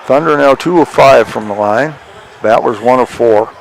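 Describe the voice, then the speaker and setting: A man's voice: mid-range voice, moderate pace, creaky. A man announcing basketball live in terse, clipped phrases, in a sports play-by-play style. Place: indoor gym during a game. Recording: noisy live gym broadcast. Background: bouncing basketball, gym ambience.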